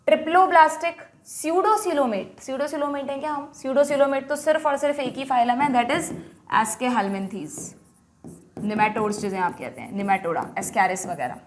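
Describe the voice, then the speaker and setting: A woman with an Indian accent and a bright, high voice teaches an exam paper walkthrough. She talks briskly and keeps turning to her students with quick checking questions. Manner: brisk, explains and quizzes students.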